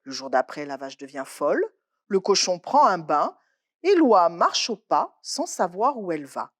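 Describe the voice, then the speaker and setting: A woman librarian reading a children's picture book aloud with expressive storytelling. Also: on the low side. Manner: expressive, slow, lively delivery.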